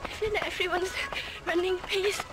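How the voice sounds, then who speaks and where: A young woman chatting casually in short, excitable phrases, out of breath as she runs and records a vlog on her phone. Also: very high voice, normal speed. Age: young adult. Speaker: vlogger running a race. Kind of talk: casual running vlog chat. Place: outdoors on a night race route. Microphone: phone at arm's length. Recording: noisy outdoor phone recording on the move. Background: clear outdoor ambient noise.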